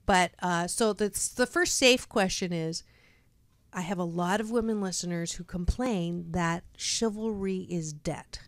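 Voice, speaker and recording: With a lowish voice at a measured pace and no echo, a middle-aged Canadian woman hosts a casual radio talk show with guests. She is chatty and bubbly, frequently laughing and restarting what she's saying.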